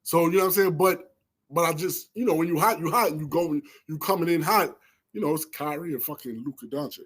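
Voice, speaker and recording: Brief: higher-pitched man, sports podcast co-host, slangy banter. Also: brisk. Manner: loose slang-heavy banter, lots of fillers. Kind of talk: casual sports talk.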